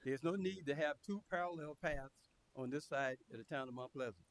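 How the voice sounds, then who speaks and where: Measured man giving public comment, hissy recording. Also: on the high side. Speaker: community organization president, public commenter. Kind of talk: prepared public comment to a council. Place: town council meeting room. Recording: clear background hiss.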